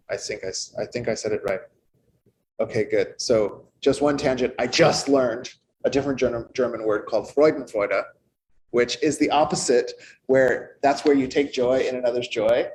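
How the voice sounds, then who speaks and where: Guy giving a sermon, chatty and jokey, mid pitch, bit of faint room hum. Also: moderate pace, rough recording. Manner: conversational, playful, animated asides. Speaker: minister. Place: church sanctuary.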